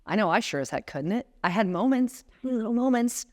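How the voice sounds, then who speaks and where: A woman's voice: on the high side, lively intonation, fairly quick, darkish tone. Passionate woman coach speaking on stage. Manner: emphatic, rising to passionate exhortation. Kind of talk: motivational talk to a live audience.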